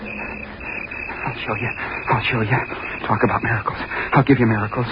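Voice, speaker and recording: An actor playing an earnest, obsessive, rejected young college student, hesitant and intense, in a 1930s radio drama. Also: male voice, mid-range voice, steady tone, fast talker, lightly acted. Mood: feverish defiance. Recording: dull, very noisy 1930s radio recording.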